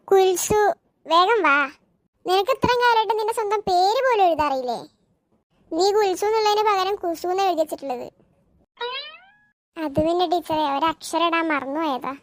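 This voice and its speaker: One performer's very high childlike cartoon voice. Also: female voice, fairly bright tone, no echo. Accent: Malappuram Malayalam. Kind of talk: animated cartoon voice acting, all parts by one voice.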